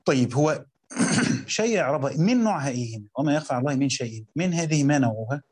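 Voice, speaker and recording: A man with an Egyptian Arabic accent teaching a Quran commentary lesson, reading quotes slowly and then explaining them in colloquial talk while questioning his students. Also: fairly high pitch, animated, darkish tone, breathy edge.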